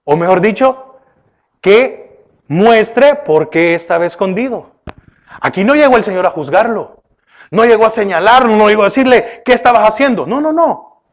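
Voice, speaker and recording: A male pastor delivering a sermon, questioning his listeners often and turning from emphatic bursts to hushed remarks. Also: high-pitched, animated, moderate pace. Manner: preaching with repeated rhetorical questions to the congregation; often addresses listeners with "oiga" and "¿verdad?".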